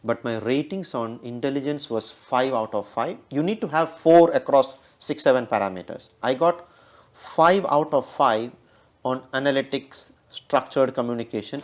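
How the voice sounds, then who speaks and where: A man with a heavy Indian accent and a mid-range, animated voice talks fast as an interview guest, telling stories conversationally. He keeps checking in with listeners, ending many sentences with a questioning "right?".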